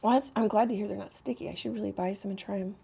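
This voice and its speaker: A middle-aged woman chatting through a live painting lesson in her home studio. Her voice is husky and hoarse, with frequent throat-clearing and quick apologies. She talks at an easy, everyday pitch. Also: fairly even intonation, warm tone. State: hoarse from coughing, frog in throat. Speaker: painting instructor. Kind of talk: casual live painting chat.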